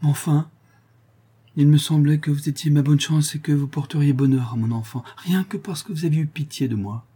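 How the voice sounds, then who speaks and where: A man's voice: a little high, fairly even intonation, a little fast, warm tone, slightly rough, pitched above the performer's own voice. A man voicing a tearful young woman prisoner who is expecting a child, pleading and sobbing with fierce pride. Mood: heartbroken.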